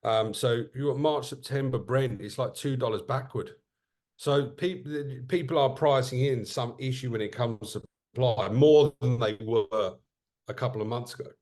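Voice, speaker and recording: A man's voice: medium pitch, normal speed. A man co-hosting a podcast, chatting casually and jokily, often restarting his sentences. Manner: animated, self-interrupting, jokey. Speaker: podcast co-host. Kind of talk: casual market chat.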